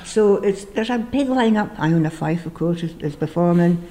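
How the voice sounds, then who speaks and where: A woman's voice: lowish voice, expressive, moderate pace, mellow, poor audio. A woman with a broad Scottish accent hosting a casual radio interview in a chatty, self-deprecating way. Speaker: radio show host.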